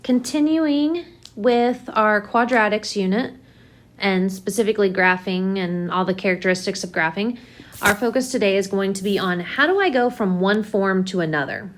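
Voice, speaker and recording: A woman's voice: mid-range voice, normal speed, a little hiss or hum. A woman math teacher giving a recorded lesson, tired and yawning, speaking frankly and repeating key points. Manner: frank, repeats herself for emphasis.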